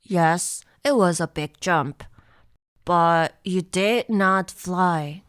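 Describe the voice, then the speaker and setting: Woman doing a blunt, slow-talking storybook naysayer. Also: on the low side, clean tone, no room sound, clean studio sound, voice pushed down. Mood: insistent. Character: blunt, doubting naysayer animal friend in a storybook. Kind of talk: animated children's read-aloud.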